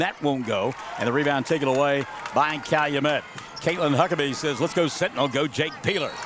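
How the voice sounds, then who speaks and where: A man calling a high school basketball game on the radio, jokey and excitable, yelling on big plays. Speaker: play-by-play announcer. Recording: gym crowd noise behind.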